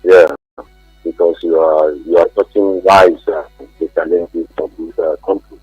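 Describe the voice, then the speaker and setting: A man calling in to a radio show, speaking earnestly and haltingly. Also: deep voice, fairly even intonation, breathy edge, dry recording, narrow, tinny audio, soft background music. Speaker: caller. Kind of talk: call-in comment.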